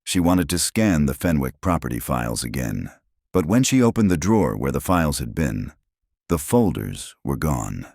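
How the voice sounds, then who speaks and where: A man narrating a suspense story in a slow, ominous, scripted way. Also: rumbling low, very animated, vocal fry, darkish tone, no echo, clean studio sound.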